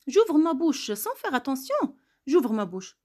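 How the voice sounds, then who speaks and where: A woman with a somewhat high voice gives a grammar lesson. She talks at an unhurried, deliberate pace and says sounds and words twice so learners can follow. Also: very animated, mellow. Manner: slow, repeats words and letters to stress pronunciation. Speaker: French teacher.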